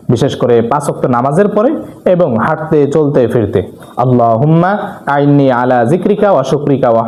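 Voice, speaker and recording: A man preaching a religious talk, earnestly urging listeners and slowly reciting Arabic supplications. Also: a little high, dark tone, reverberant. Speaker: Islamic preacher.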